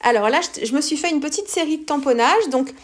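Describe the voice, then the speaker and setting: Middle-aged woman talking thru a craft tutorial, chatty, lots of ums, voice a bit high. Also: lively intonation, fast. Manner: chatty, many hesitations and fillers. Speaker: scrapbooking tutorial maker.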